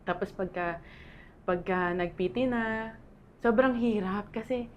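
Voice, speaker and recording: A woman's voice: medium pitch, takes it slowly, lo-fi sound, slight background noise. A Filipino woman in her thirties, candidly sharing a painful personal testimony and laughing often as she talks.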